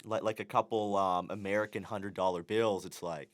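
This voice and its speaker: A man's voice: on the low side, normal speed. A young man with a Canadian accent co-hosting a podcast, talking casually with many fillers. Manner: relaxed, filler-heavy talk. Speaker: podcast co-host. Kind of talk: casual chat.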